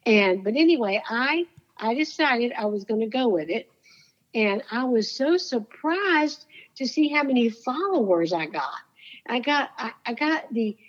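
A woman with a slightly high voice and a breathy edge is a guest in a casual interview, sharing stories earnestly and from the heart. Her voice is soothing, and the audio is lo-fi.

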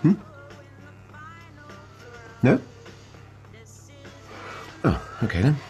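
A man's voice: mid-range voice, very animated, extremely slow, warm tone. An actor playing a controlling husband who belittles and gaslights his wife in a radio drama. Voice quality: coaxing, belittling manner. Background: faint music.

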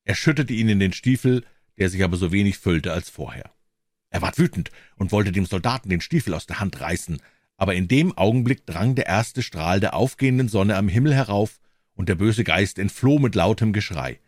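Deep guy reading a grimm-style fairy tale, very low voice but lots of pitch movement. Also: expressive, normal speed, dry recording, clean studio sound. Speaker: storyteller reading a classic tale.

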